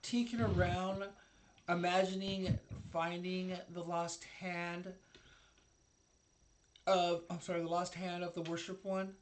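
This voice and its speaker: A man's voice: sits high, level tone, takes it slowly, pauses often, a little hiss or hum. A man voicing a menacing tiefling woman. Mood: condescending.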